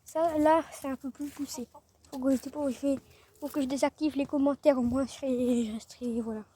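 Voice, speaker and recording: Talking a little fast in a high, steady, mellow voice, a teen girl from northern France vlogs outdoors next to her chicken coop. It's casual and rambling, with many sentences left hanging.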